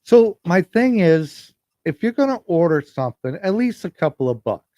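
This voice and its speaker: A man's voice: sits high, sing-song, moderate pace, warm tone, no echo, clean studio sound. A man hosting a podcast livestream, chatting casually and rambling, often repeating and restarting his sentences. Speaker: podcast host. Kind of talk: casual solo livestream talk. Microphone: phone.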